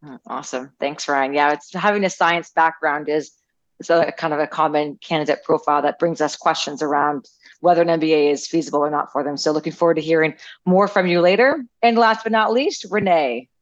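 Low-voiced woman hosting a podcast panel. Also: fairly quick, no echo, highs cut off. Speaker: admissions team host.

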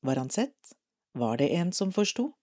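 A Norwegian woman reading a devotional article aloud for an audio edition of a parish magazine, calm and measured. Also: lowish voice.

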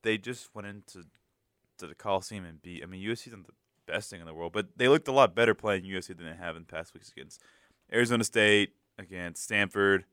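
A man's voice: deep voice, a little fast, bright, forceful tone, dry recording. A young man from the American South co-hosting a college radio sports show, joking and emphatic as he makes his picks in a studio. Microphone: studio microphone.

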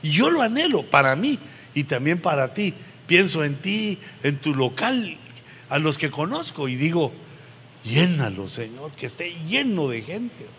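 A middle-aged man preaching to pastors, earnest and pleading, with sudden loud emphatic rises. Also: on the high side, very animated, a little slow. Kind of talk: sermon to pastors. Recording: long hall reverb, faint background noise.

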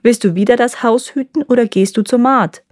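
A woman voicing a shrewd, impatient peasant wife who scolds and gives sharp commands in a storybook reading. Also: on the high side, fairly quick, no echo, studio quality, pitched above the performer's own voice, close to an everyday voice. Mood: scolding.

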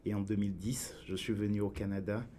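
A man's voice: on the low side, flat delivery, brisk, slight background noise. A man in his forties from Ivory Coast, a podcast guest telling his life story in casual talk with many fillers. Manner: warm storytelling, frequent fillers.

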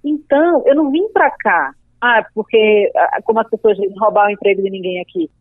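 Here a young Paraíba woman with a Northeastern Brazilian accent appears as an interview guest, reasoning carefully through a reflective conversation. She talks at a brisk pace in a mid-range voice with no echo, and the recording has a dry, tinny, phone-like quality.

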